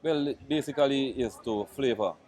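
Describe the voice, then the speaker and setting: A man from Saint Kitts with a Kittitian accent, giving casual, halting interview answers as a market vendor. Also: mid-range voice, darkish tone. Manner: halting, pausing often. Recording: busy crowd chatter behind. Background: crowd at a public market.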